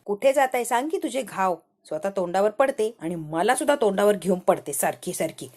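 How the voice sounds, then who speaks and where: A woman's voice: medium pitch, animated, brisk, a little mellow, close to an everyday voice. A woman voicing a spoiled young woman who taunts and scolds her grandmother with heated mockery. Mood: scornful. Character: spoiled, sharp-tongued young woman, scornful.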